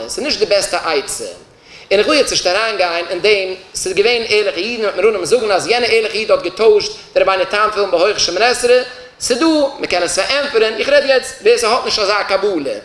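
A man's voice: high-pitched, a bit bright, slight background noise. A man, a rabbi, giving a religious law lecture and explaining points by posing questions and then answering them. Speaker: rabbi teaching a Torah class. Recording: roomy echoey room.

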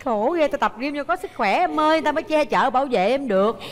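A woman's voice: sits high, expressive, quick pace, a little hiss or hum. A woman co-hosting a dating show in a television studio, blunt and teasing with the guests. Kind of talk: quick playful game-show hosting.

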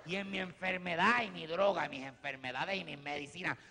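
A man with a Puerto Rican Spanish accent doing stand-up comedy in a theater, animated and shifting between low asides and loud bursts. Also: brisk. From Puerto Rico. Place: theater stage. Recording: live theater with long hall reverb.

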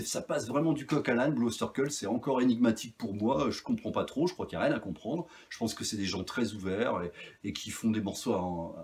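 A man casually reviewing his vinyl finds, chatty and rambling with many fillers and restarts. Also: medium pitch. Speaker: record collector vlogger.

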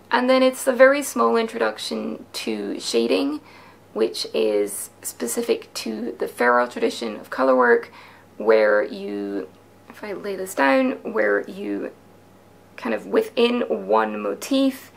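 A woman in her thirties presents her knitting patterns in a casual explanatory video, chatty and enthusiastic as she walks through techniques step by step. She sits at a craft table in a small home studio. Her voice is medium-pitched with vocal fry.

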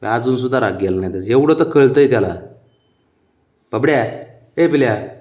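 A man's voice: mid-range voice, moderate pace, a little mellow. A man from Maharashtra talking to his pet cat, coaxing and pleading with it in sing-song baby talk. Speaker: pet owner vlogger.

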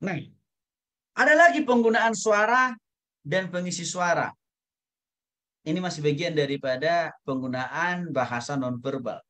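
A man, a pastor, giving a lecture to a Bible school class, animated, swinging between loud emphatic highs and soft low asides and often tagging his phrases with a quick "ya" or "saudara".

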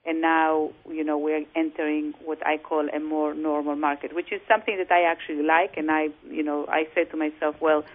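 A woman real estate broker and coach talking over the phone in an interview, measured and full of "you know" fillers. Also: sits low, flat delivery. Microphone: telephone. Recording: tinny phone line.

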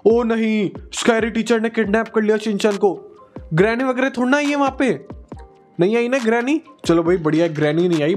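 A gaming-channel host, a man with a high voice, narrates and plays his characters over the action. He is excitable and repeats his calls again and again, with faint music under him. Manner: excitable, repetitive shouting. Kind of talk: voicing game characters over gameplay.

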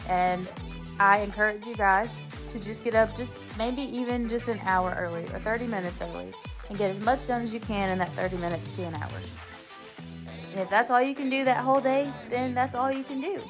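A woman's voice: medium pitch, steady tone, a little fast, over music. A woman in her thirties, a mother, chatting casually and encouragingly as she narrates her cleaning routine, with frequent "um"s. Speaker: cleaning vlogger, mom.

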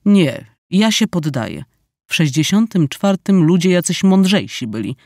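A man's voice: high voice, very animated, unhurried, a little mellow, dry recording, clean studio sound, voice pushed up, heavily acted. A man voicing a discouraged young woman cook who grumbles, in an audiobook. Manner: glum, grumbling.

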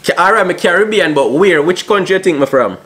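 Talking fast and animatedly in a high voice, a young Jamaican-accented YouTube vlogger in his twenties chats with strangers on a video app from a small room at home. He's playful and slangy, tossing in patois exclamations, with noise in the background.

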